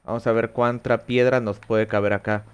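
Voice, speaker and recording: With a fairly low, level voice at a moderate pace and a clean tone, a young adult streamer with a Mexican Spanish accent chats with viewers as he plays. He thinks aloud and swears lightly on a headset in a small room at home.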